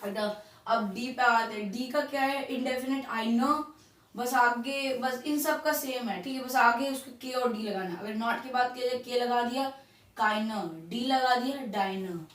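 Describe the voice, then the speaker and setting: A woman teaching German vocabulary in casual Hinglish, slowly repeating each word and often checking in with her viewers. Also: fairly high pitch, a bit bright, recorded from a distance. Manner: repeats words slowly, checks in with "ठीक है" and "guys". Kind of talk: casual classroom explanation. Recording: roomy echo, voice off-mic.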